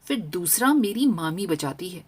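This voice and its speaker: Expressive woman reading a story aloud. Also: on the low side, measured pace, slightly rough. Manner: expressive, voicing a young girl in first person. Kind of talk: scripted story narration.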